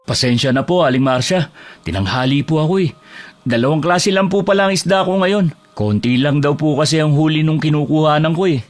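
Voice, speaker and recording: An actor playing a tired fish-vendor husband, respectful with customers and exasperated at home. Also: male voice, on the high side, brisk, lightly acted. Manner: respectful with elders, exasperated with wife.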